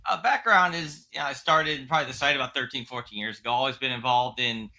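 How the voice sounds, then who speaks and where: Very bright-voiced middle-aged male guest. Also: medium pitch. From Florida. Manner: relaxed, halting, many fillers. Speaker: guest, local news page owner. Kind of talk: casual interview.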